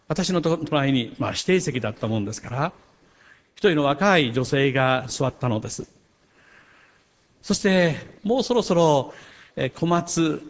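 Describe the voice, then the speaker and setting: A man preaching a sermon as a pastor, earnest, swelling louder on key points and dropping softer when telling a personal story. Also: medium pitch.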